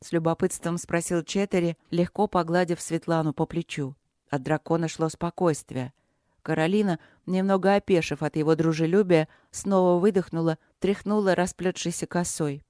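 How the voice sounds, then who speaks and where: An audiobook narrator reading a novel in an even, measured way. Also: medium pitch, no echo, studio quality.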